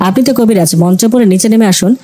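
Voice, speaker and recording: A woman's voice: rapid-fire, mellow, close to an everyday voice. A woman voicing a bossy middle-aged mother who scolds sharply. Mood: scolding. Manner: shrill, scolding.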